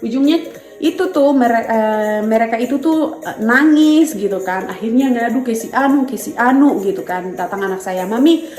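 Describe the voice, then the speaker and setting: A woman's voice: a little high, normal speed, darkish tone, faint music behind. Chatty woman vlogger, roomy sound. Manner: chatty and rambling, full of fillers, addresses viewers as friends. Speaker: vlogger and mother. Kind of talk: casual talk to viewers. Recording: echoey room.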